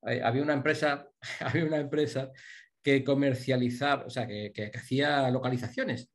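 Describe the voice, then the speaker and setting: A middle-aged man from Spain, a hotel director, sits for a relaxed interview. He tells jokey stories and keeps restarting his sentences as he goes. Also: medium pitch, fairly quick. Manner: jokey anecdote teller, many restarts. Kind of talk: casual interview, storytelling.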